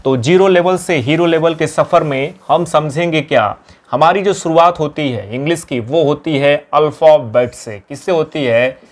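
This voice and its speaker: A slightly high-voiced male teacher gives an exam-prep lecture. He drills each point by asking a question and then repeating the answer. He keeps calling his listeners friends. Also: normal speed. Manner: addresses viewers as friends.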